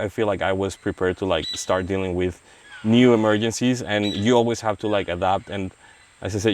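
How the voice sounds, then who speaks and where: Interviewed casually at a rainforest release site, a Mexican wildlife vet talks about his work with frequent restarts and fillers, his delivery halting. His voice is on the low side, with faint rain and outdoor forest sounds behind him.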